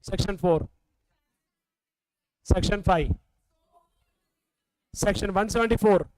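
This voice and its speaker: A man's voice: high voice, slow, a little mellow, a little hiss or hum, poor audio. A man from India teaching a classroom revision lecture, quizzing students and scolding them in a teasing way.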